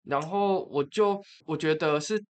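A man's voice: fairly high pitch, a little slow. A young man with a Taiwanese Mandarin accent, telling a story in casual chat and acting out the people in it. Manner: animated, acts out the people in his story. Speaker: podcast co-host.

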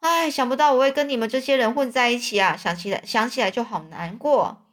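A woman's voice: a little high, a little fast, a bit bright, lightly acted. A woman storyteller voicing a melodramatic young male drifter who boasts and then laments his fall in a theatrical, mournful way.

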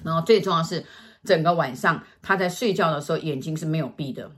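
A woman's voice: low-pitched, fast talker. A woman, a fortune teller telling a client's story in casual chat, acting out scenes as she goes. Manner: animated, acts out scenes with sighs and gestures.

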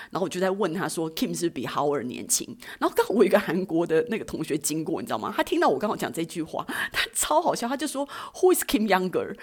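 A woman's voice: fairly low pitch, slightly rough. A woman in her thirties with a Taiwanese Mandarin accent, hosting a casual talk show and telling funny anecdotes with acted-out quotes. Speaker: podcast host. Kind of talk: casual storytelling.

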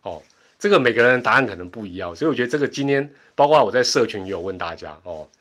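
A man's voice: medium pitch, expressive, fast, fairly bright tone. A middle-aged man with a Taiwanese accent hosting a casual livestream, chatty and rambling, laughing often between asides. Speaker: livestream host. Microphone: home internet setup.

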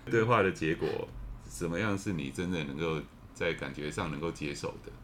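Man, Taiwanese accent, extremely low pitch, reflective casual discussion, faint noise. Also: brisk, a bit bright. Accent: Taiwanese Mandarin. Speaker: podcast panelist.

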